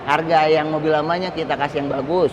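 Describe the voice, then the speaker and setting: A man's voice: a little high, fairly even intonation, a little fast, dull audio. Slick Indonesian car salesman in an echoey showroom. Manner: slick, eager salesman patter. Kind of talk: promotional sales pitch in conversation. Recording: echoey, noisy space with vehicle sounds.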